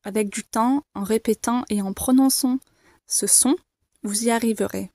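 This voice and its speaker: A woman teaching the alphabet to beginners, saying each letter slowly and clearly, repeating it and reassuring learners. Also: a little high, darkish tone, no room sound, studio quality. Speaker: French teacher. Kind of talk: slow, careful pronunciation lesson.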